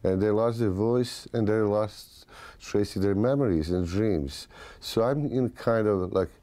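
Bosnian guy in his 40s, really low mellow voice, halting, reflective interview talk. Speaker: filmmaker, interviewee. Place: small home studio room.

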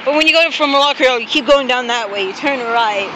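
A man's voice: extremely high pitch, fairly quick. A young man vlogging outdoors on a city street, chatting in an exasperated, bossy way into a phone. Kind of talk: casual vlog chat while walking. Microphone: phone held while walking. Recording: phone recording with traffic noise.

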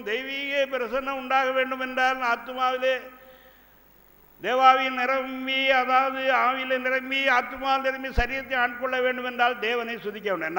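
An older man preaching a sermon from a church conference stage into desk microphones. He teaches slowly from scripture and reads verses aloud. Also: very high voice, sharp tone. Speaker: pastor. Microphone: two desk microphones. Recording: long hall reverb.

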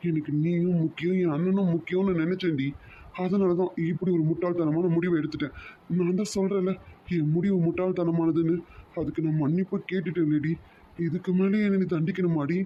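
A man's voice: high-pitched, fairly even intonation, a little fast, muffled recording, a little hiss or hum, natural voice. A man voicing a remorseful young man in a cartoon drama, pleading and apologetic.

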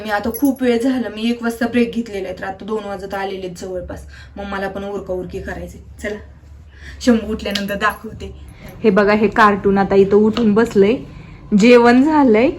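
A young woman chatting casually through a home vlog, talking softly and rambling about her day as a mother. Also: mid-range voice, flat delivery, moderate pace, slight background noise. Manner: chatty, soft-spoken, rambling asides. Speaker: vlogger and mother.

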